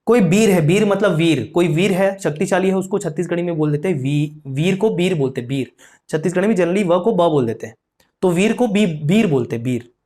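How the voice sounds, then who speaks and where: A man's voice: sits high, brisk, dark tone. A young man teaching an exam lesson, repeating key words and checking whether students follow. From Chhattisgarh, India. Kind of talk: lively classroom lesson with memory tricks.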